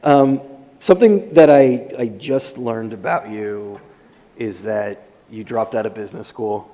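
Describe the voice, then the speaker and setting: A man interviewing a guest on a conference stage, chatty and joking with quick follow-up questions. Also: fairly low pitch, warm tone. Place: conference stage in a large hall. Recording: reverberant conference hall.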